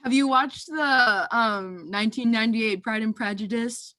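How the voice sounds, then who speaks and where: A young woman, a lacrosse player, giving chatty and thoughtful answers in a relaxed interview. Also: on the high side, measured pace, dry recording. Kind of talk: casual interview chat.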